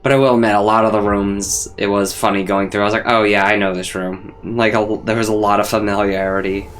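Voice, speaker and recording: Low-pitched man rambling through game commentary. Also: little pitch movement, fast talker. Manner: rambling, thinking aloud in loose asides. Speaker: gaming video host. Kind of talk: casual let's play commentary. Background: faint game music.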